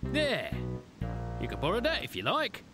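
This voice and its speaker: A self-important rabbit fire chief in a children's cartoon. His pompous, mocking delivery swings widely in pitch over a music bed. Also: wildly swooping pitch, measured pace, exaggerated voice. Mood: amused, breezy. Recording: music under the dialogue.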